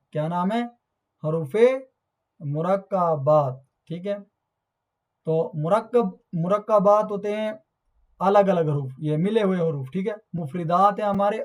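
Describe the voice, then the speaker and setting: A man's voice: high-pitched, darkish tone, rough recording. A man teaching Quran reading, explaining patiently, repeating and asking questions. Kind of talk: slow classroom explanation with drills.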